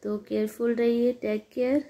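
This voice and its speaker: Unwell woman vlogger, soft weary chat, flat monotone delivery. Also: a little high, unhurried. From India. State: sick, recovering from fever. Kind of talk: casual vlog chat. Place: lying in bed at home under a blanket.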